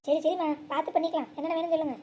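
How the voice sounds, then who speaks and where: A woman doing a very high-pitched, rapid vegetable hawker. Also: fairly even intonation, mellow. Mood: coaxing. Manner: sing-song hawking, persuasive. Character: male street vegetable vendor, haggling and coaxing. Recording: faint background noise.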